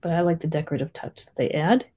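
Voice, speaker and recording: A woman with a Boston accent giving a chatty, rambling step-by-step painting tutorial, full of gentle little asides. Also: low-pitched, fast talker, breathy edge. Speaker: painting teacher.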